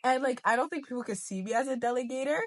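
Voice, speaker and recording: A young woman co-hosting a relaxed podcast, rambling through her thoughts with frequent giggles. Her voice sits somewhat high, and she talks in a loose, chatty way. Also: fast. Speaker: podcast co-host. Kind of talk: casual chat.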